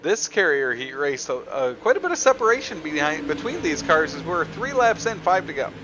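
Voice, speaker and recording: A man's voice: on the high side, sing-song, normal speed. A man calling a race live as a motorsport commentator, announcing in short, clipped play-by-play phrases.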